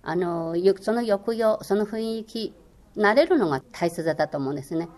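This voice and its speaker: Her mid-range voice is expressive and darkish, moving at a normal speed. She is an older woman who speaks Chinese natively and used to teach languages on the radio, and in this interview she responds earnestly and encouragingly while relying on lots of hesitant fillers.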